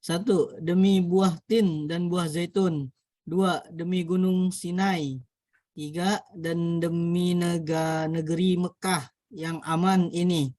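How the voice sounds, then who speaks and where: A man's voice: sits high, little pitch movement, slow, warm tone, dry recording. Male student reading aloud, close and dry. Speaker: student in a practice teaching class. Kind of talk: reading a translation aloud, numbered verse by verse.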